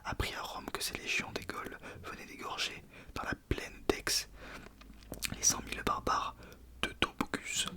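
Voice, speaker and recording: Man whispering an ASMR reading. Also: moderate pace. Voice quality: soft unvoiced whisper. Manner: informal, stumbles over words and corrects himself. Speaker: ASMR video creator. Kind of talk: whispered ASMR book reading with casual asides.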